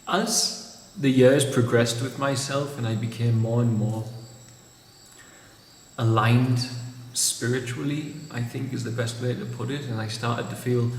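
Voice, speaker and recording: A man vlogging in a reflective, unhurried way, recorded in an empty room with a big hall echo. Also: medium pitch, a little hiss or hum. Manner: thoughtful, unhurried, restarts phrases. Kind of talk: reflective monologue. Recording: echoey empty room with long reverb.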